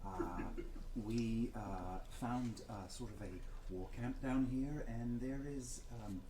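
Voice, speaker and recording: A man's voice: mid-range voice, slow pace, dark tone, slight background noise, poor audio. A man playing a tabletop game in character, hesitant with many fillers. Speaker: player.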